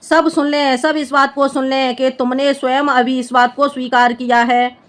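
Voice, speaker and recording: A young woman with a high, bright voice teaches Hindi, walking through a poem line by line in a patient classroom manner. She speaks at a moderate pace with a level tone and keeps checking that her students are following.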